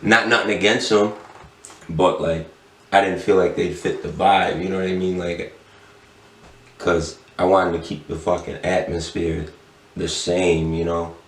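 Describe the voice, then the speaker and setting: A man's voice: low voice, fairly even intonation, unhurried, a little hiss or hum. A middle-aged man chatting casually as a podcast guest in a laid-back, slangy stoner drawl. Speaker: podcast guest, tattoo shop owner. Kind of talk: casual chat. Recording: roomy echo, distant mic.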